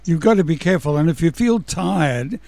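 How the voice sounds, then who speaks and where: A man's voice: fairly high pitch, expressive, a little fast, vocal fry, dark tone, no room sound. An older man, chatting on talk radio and giving short agreeable replies. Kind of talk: casual talk radio chat.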